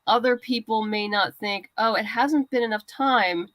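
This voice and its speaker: At normal speed and with a fairly high, slightly bright voice, a guest writer and comic creator chats casually in an interview, sharing practical crowdfunding tips. No echo is audible.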